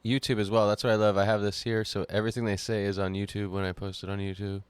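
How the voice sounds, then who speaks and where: Low-voiced male host, dry sound. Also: level tone, quick pace, smooth, no room sound. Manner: laughs often, eggs his guest on. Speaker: podcast host. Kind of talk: casual livestream chat.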